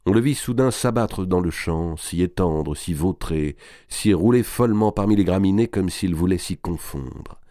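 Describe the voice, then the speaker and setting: A man reading a historical novel aloud as audiobook narration, measured and expressive. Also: low-pitched, no echo, clean studio sound.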